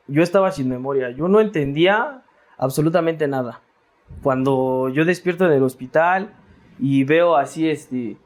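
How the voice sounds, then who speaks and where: A Mexican man speaking as a guest in a casual interview, with a voice a little on the high side. He talks in a reflective, rambling way, filling pauses and repeating words as he goes. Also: darkish tone.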